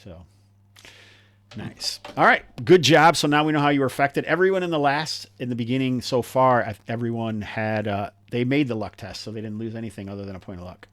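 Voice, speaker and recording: A man's voice: mid-range voice, fairly quick, a bit bright, no room sound. A man running a live tabletop game as game master, explaining rules in a chatty way with lots of fillers.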